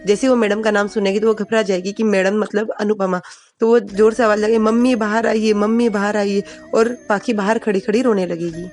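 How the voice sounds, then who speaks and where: A woman's voice: mid-range voice, brisk, soft background music. Woman casually retelling a TV serial episode. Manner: plain retelling with quoted lines read flatly. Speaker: storyteller recapping a TV serial. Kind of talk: casual spoken recap narration.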